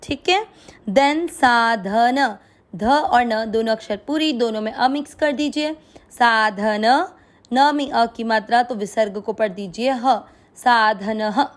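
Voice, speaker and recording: A woman's voice: on the high side, measured pace. A woman teaching Sanskrit verse pronunciation, breaking words into syllables and repeating them patiently.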